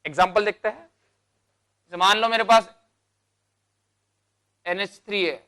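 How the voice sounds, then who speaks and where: A man with a high-pitched, bright, forceful voice teaches chemistry at a measured pace. Step by step and using technical terms, he works through questions he asks himself, calling his students "beta" and "bhai" during the classroom lecture.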